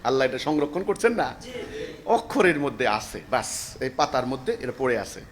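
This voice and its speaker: A man preaching a sermon, firing off rhetorical questions and swinging from low, quiet asides to shouted emphasis. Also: sing-song, normal speed, a little hiss or hum.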